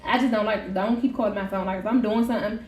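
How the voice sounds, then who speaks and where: A woman's voice: mid-range voice, steady tone, fast. A woman co-hosting a casual podcast, joking, laughing and swearing freely. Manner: laughing, playful, profane banter. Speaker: podcast co-host. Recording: echoey room, faint noise.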